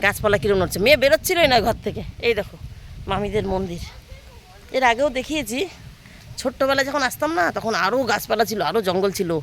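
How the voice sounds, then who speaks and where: A woman's voice: a little high, expressive, a little fast, slight background noise. A woman in her thirties filming a casual walking vlog outdoors on a phone, chatting and pointing things out to viewers. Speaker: vlogger. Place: outdoors in a village among trees.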